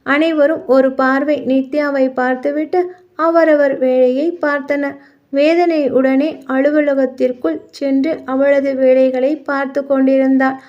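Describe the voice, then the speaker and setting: A woman narrating an audio novel in a steady, dramatic storytelling manner, on muffled lo-fi audio. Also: sits high, measured pace.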